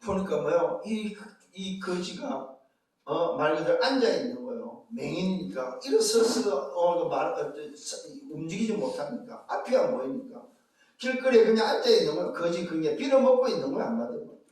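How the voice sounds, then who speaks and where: A man preaching with force from the pulpit, pressing his point again and again with rhetorical questions. His voice sits very high for a man. It rings through a big echoey church and comes from a distance, far from the mic. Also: expressive, normal speed, darkish tone. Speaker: pastor. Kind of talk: sermon. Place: church sanctuary.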